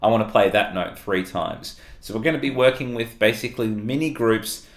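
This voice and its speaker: An Australian man teaching a guitar solo in a relaxed, explanatory way, counting notes aloud. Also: on the low side, normal speed. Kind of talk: guitar lesson walkthrough. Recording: roomy sound with loud guitar music.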